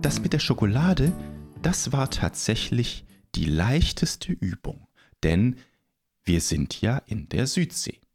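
A man's voice: medium pitch, takes it slowly, creaky, husky, faint music behind. A man telling a children's story as a pirate captain in first person, theatrical, dropping to whispers and rising to calls. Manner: animated, theatrical, swinging between whispers and calls.

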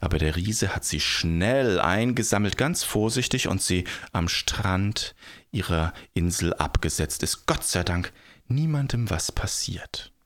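A man telling a fairy tale in a gentle, chatty way, adding little tag questions. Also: low voice, lively intonation, measured pace. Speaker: storyteller. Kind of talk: freely told fairy tale narration.

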